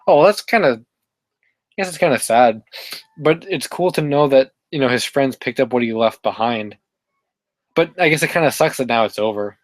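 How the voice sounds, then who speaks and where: Male streamer host, mid-pitched, loose and rambling with lots of fillers, dry close sound. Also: lively intonation, moderate pace, dry recording. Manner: rambling, many fillers and self-corrections. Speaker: livestream host reading chat. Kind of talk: casual live-stream chat.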